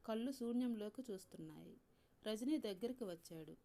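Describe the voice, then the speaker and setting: Female storyteller, Telugu accent, measured scripted reading, dark mellow voice, middle pitch. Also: vocal fry. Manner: calm, measured reading with soft voiced dialogue.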